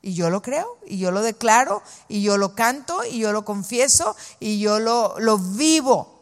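Female preacher, higher voice, emphatic slow scripture reading, long hall reverb. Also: big pitch swings. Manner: calls for the audience to repeat after her. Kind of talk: sermon to a women's gathering.

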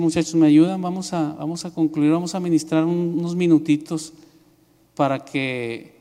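A man's voice: a little high, mellow. A man preaching a sermon as pastor, telling a story with many fillers and restarts. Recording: long reverb in a hall.

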